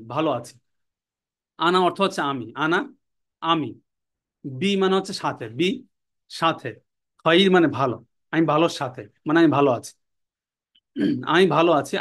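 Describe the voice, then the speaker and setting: A man teaching an online language class, repeating words and their meanings in a slow, drilling way. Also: on the high side.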